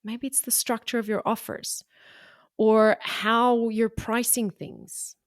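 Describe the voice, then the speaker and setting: A slow, flat delivery in a higher register marks this middle-aged South African business coach, whose accent combines South African and Australian tones. Hosting a solo motivational podcast for business owners, she stays frank and encouraging with punchy short phrases. The studio-quality recording is dry.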